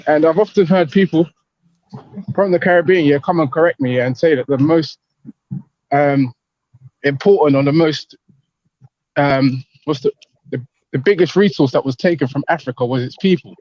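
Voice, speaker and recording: Man, online call audio breaking up, dull lo-fi sound, dry, slightly high voice, casual debate, tags with "yeah". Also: normal speed, pauses often, darkish tone, dry recording. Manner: tags sentences with "yeah" and "you get what I'm saying". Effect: voice breaking up over a dropping online call connection. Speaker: panel guest on an online call.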